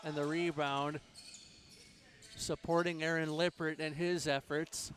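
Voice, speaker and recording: A man calls play-by-play for a handball match with a somewhat high voice and a measured delivery. He tracks each pass and save while faint crowd and arena noise hum behind him. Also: little pitch movement, a bit bright. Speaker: play-by-play commentator. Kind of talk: sports play-by-play.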